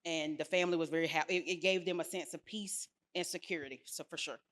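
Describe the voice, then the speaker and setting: A woman speaking about home care on a panel, lively and laughing often as she acts out dialogue. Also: low voice, quick pace. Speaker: home care company representative. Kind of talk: casual panel discussion.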